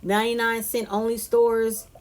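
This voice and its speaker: A woman's voice: on the high side, completely flat delivery, normal speed. A woman from California giving a casual cooking tutorial, chatty and loose, addressing viewers as "y'all" and "you guys". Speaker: cooking vlogger.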